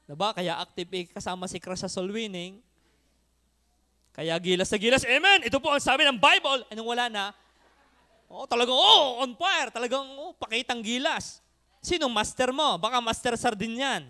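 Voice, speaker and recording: A man from the Philippines preaching a sermon as pastor, animated and joking with the congregation, mixing in English phrases. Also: extremely high pitch, moderate pace.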